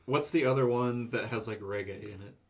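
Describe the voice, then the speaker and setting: A man's voice: medium pitch, a little fast. A man in his twenties, a podcast co-host, chatting casually and often stumbling and restarting before he makes his point. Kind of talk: casual chat.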